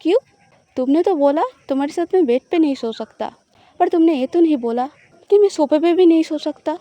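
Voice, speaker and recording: A woman voicing a playful, possessive young wife who teases her partner, in a high, mellow voice. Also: fairly quick, no room sound, lo-fi sound, lightly acted. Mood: teasing.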